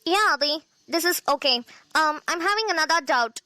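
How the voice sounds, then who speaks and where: A woman's voice: sits high, animated, over loud music, voice pushed down, heavily acted. A woman doing a teasing young cousin. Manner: casual, teasing, slow. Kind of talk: cartoon voice acting.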